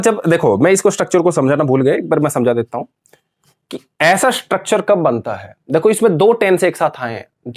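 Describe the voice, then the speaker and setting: Male grammar teacher, higher pitch, patient repetitive classroom delivery. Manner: calls students dear children, repeats key points. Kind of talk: classroom lecture.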